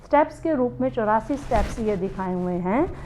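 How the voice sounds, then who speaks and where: A woman's voice: fairly high pitch, expressive, fairly quick, mellow, slight background noise, rough recording. A woman giving a spiritual meditation lesson, explaining patiently and asking rhetorical questions to her listeners. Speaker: meditation teacher.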